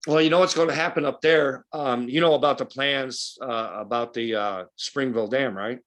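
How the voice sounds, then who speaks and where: A man from western New York holding forth in casual club talk, a fishing guide with a blunt, folksy, opinionated way of putting things. His voice sits at an ordinary middle pitch. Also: normal speed, fairly bright tone. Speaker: guest speaker, fishing guide.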